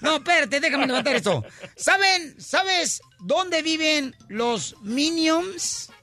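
A man hosting a comedy radio show, loud and playful with exclamatory banter. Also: very high voice, very animated, takes it slowly, soft background music. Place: radio studio.

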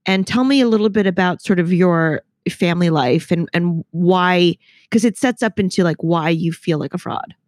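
A woman's voice: on the low side, normal speed, a little mellow, no echo, studio quality. A woman hosting an interview, asking probing questions in a conversational, engaged way. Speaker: podcast host.

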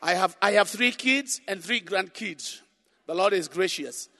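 A man's voice: sits high, expressive, unhurried, pushed and bright. A middle-aged or older man preaching a conference sermon, emphatic and repeating phrases for effect, in a large echoing hall. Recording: echoing hall with long reverb.

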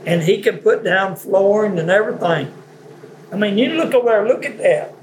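A man's voice: high voice, expressive, moderate pace, noisy background. A man talking casually in an interview, plain-spoken and rambling. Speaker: stepfather of the accused family.

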